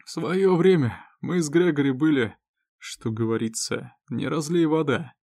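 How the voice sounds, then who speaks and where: A man voicing a drunk, weary, sarcastic man, hoarse and sluggish. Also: on the high side, unhurried, darkish tone, dry recording, studio quality, pitched above the performer's own voice. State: drunk, groaning.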